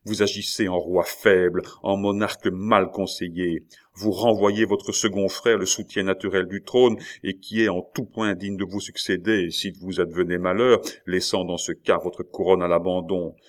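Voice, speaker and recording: A scheming older queen mother speaks in a measured, reproachful tone, as a male narrator puts her on. The voice stays deep and low, with only a slight lift, like a storybook reading. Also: steady tone, close to an everyday voice.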